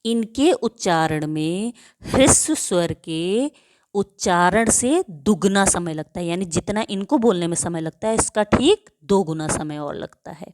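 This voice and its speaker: A woman's voice: lowish voice, lively intonation, unhurried, darkish tone, no room sound. A woman teaching a grade-school grammar lesson who asks her own questions and answers them, and drawls out example words to show how they sound.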